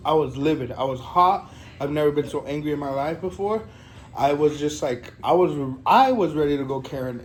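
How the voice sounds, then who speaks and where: A young man telling a story in a casual vlog, animated and profane, full of fillers. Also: medium pitch, a little hiss or hum, low-quality recording. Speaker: vlogger.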